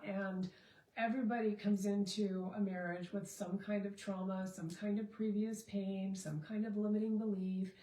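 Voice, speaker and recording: A woman's voice: mid-range voice, mellow, reverberant, rough recording. A middle-aged woman, a relationship and marriage coach, talking casually and rambling with many fillers and restarts. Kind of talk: casual Facebook Live talk.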